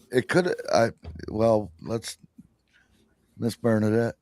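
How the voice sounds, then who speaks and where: A man's voice: medium pitch, darkish tone, no room sound. A man hosting a podcast, telling a rambling story in casual chat, interrupting himself and laughing often. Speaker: podcast host.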